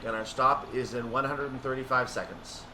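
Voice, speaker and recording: Playing a train simulator, a streamer talks through his moves methodically and explains as he goes. He speaks at a moderate pace with a medium-pitched male voice, with background noise present.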